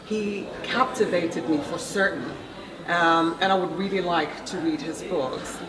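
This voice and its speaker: A woman attending a conference, giving thoughtful feedback in an interview with frequent pauses. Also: fairly low pitch, steady tone. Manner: thoughtful, measured, frequent ums. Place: busy conference venue. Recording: roomy, distant, loud crowd behind.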